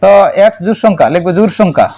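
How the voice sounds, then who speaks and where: A male math teacher with a Bangladeshi Bengali accent talks quickly in a very high voice. He runs a classroom lesson, firing questions at his pupils and echoing their replies back to them. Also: expressive, mellow, lo-fi sound. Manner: asks the class questions and repeats their answers.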